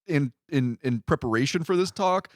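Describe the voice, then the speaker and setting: Animated man chatting on a podcast. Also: fairly high pitch, normal speed, no room sound, studio quality. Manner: rambling, self-correcting storyteller. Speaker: podcast co-host. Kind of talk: casual podcast chat.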